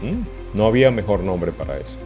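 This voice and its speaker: Speaking fairly quickly in a lowish voice, a man delivers an animated sermon while faint music plays behind him. He keeps checking in with his congregation and putting questions to them.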